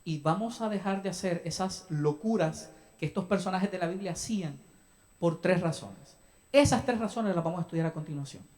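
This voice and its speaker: A man's voice: high voice, fairly quick, darkish tone. A young man from El Salvador preaching a sermon as a pastor in a church, talking to the congregation with questions and acted-out asides. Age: young adult. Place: church sanctuary.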